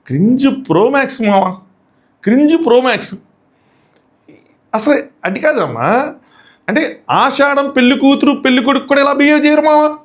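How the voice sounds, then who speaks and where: Fast high-voiced mocking man. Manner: mocking and excitable, slangy asides. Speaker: show reviewer and host. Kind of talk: casual comic review.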